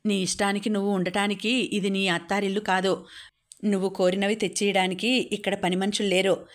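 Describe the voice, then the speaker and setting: Lady doing a bossy stern dad in a story, short sharp orders, mid pitch. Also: flat delivery, a little fast, close to an everyday voice. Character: older father, harsh and domineering.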